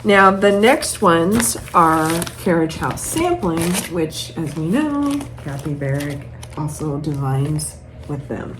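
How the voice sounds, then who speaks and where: A low-voiced woman talks slowly but very animatedly to camera, gushing and thinking aloud while showing off her cross-stitch patterns. Room ambience is clearly noisy throughout.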